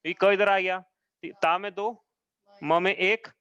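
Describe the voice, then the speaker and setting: Man, high voice, online class teacher, patient step-by-step explaining, dull dry call audio. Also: steady tone, takes it slowly, a bit bright, clear, resonant tone, no room sound. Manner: patient step-by-step explaining, often checks "okay?". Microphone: video call.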